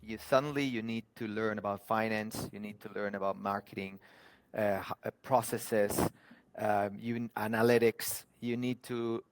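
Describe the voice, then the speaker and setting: A man's voice: on the low side, steady tone, moderate pace, noisy background. A man from Argentina, talking earnestly as a guest about his working life. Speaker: podcast guest, HR professional. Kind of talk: conversational interview.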